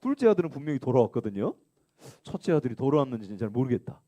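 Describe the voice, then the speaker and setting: A man's voice: rapid-fire, highs cut off. A man preaching a children's sermon in a church, leading the group in reading aloud together. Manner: lively, acts out the elder son's complaints in a high whiny voice; leads call-and-response reading. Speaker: children's pastor. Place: church sanctuary.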